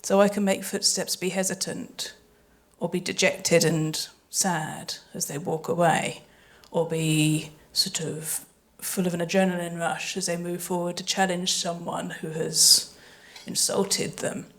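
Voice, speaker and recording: On a panel before a live audience, a woman who designs sound for audio dramas explains things in detail and with thought, sometimes phrasing hesitantly. Her voice sits on the low side, with little pitch movement and a slightly slow pace.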